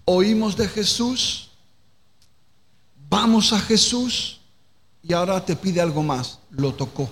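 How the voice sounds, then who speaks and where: A man's voice: high-pitched, slow pace, pauses often, a bit bright. A pastor from preaching a sermon, asking the congregation questions and repeating phrases as he works toward each point. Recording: reverberant hall with faint noise.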